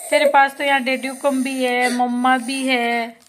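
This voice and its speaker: A high-pitched woman talks quietly to the camera in a casual home vlog, murmuring as she goes about her day. The phone recording carries clear background noise. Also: flat delivery, measured pace. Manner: soft murmured narration to camera. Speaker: vlogger.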